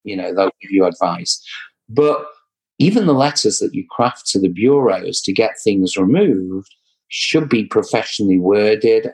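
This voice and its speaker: This credit repair business owner speaks with an English accent and a lowish, slightly rough voice, captured in a low-quality recording. Chatting casually as a guest, he offers sincere advice and keeps repeating points to drive them home.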